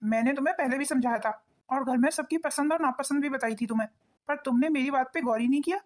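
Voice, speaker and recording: A woman voicing a husband in a cartoon, talking in a quick, lecturing manner. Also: high voice, lightly acted. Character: husband, a grown son of the family.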